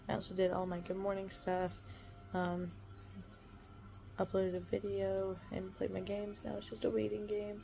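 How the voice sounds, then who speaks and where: A woman in her twenties records a casual day-recap vlog at home, phone held at arm's length, lying on a couch and also in a small indoor room. She rambles chattily with many "um"s about her day. Her voice is lowish, gravelly and mellow, and the recording quality is low.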